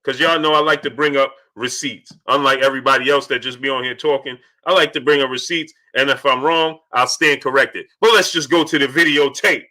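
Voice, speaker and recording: A man's voice: mid-range voice, fairly even intonation, brisk, few pauses, sharp tone. A man giving opinionated commentary as a livestream host, in a smug, sarcastic exposé manner, hammering points with repeated phrases and mocking rhetorical questions. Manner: emphatic, repeats phrases for effect. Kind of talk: opinionated boxing commentary to a live audience.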